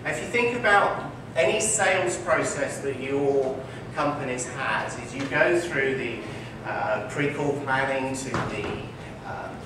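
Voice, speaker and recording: A bit slow and with few pauses, his mid-range voice carries through a conference hall as the physician answers interview questions before an audience. He is articulate and emphatic, repeating his main ideas, though the recording suffers from echo, a distant mic and noise.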